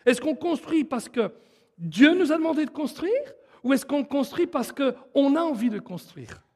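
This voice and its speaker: A man preaches an emphatic sermon in a church hall and leads the congregation in song, with long hall reverb on the recording. His voice is extremely high and sing-song, at a normal pace.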